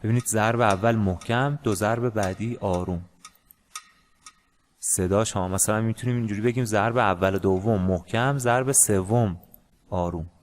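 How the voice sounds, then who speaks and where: A man teaching a music lesson in a casual, hesitant way, with many pauses and fillers. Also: on the low side, steady tone, slight background noise. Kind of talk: casual screen-share lesson.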